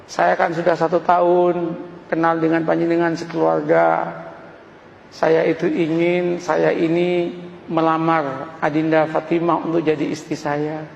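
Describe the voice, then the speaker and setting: A man's voice: a little high, completely flat delivery, unhurried, creaky, a little hiss or hum, voice pushed down. Lovesick young man, voiced by a man, pleading, earnest, echoey lo-fi. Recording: roomy hall, dull lo-fi sound.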